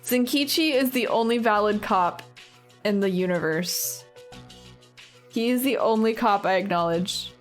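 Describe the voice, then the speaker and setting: A young woman streaming a video game, reacting excitably, laughing often and swearing playfully. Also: mid-range voice, measured pace, faint music behind. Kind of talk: casual game-stream commentary.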